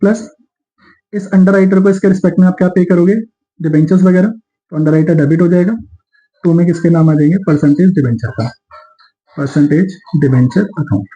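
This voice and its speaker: Man, lecturing on accounts, slow dictation of entries, Indian-accented English terms, raised mellow voice. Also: a little high, fairly even intonation, muffled recording. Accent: Indian English terms mixed into Hindi. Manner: explains step by step, slows to dictate entries. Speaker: accountancy teacher. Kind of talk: classroom lecture.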